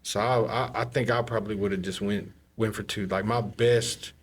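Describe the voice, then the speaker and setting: Husky man telling football stories. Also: lowish voice, normal speed. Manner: animated, laughs while telling stories. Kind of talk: casual chat.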